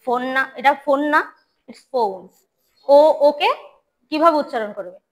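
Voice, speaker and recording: A woman's voice: sits high, lively intonation, measured pace, low-quality recording. A woman teaching English pronunciation in a classroom, repeating words and correcting students.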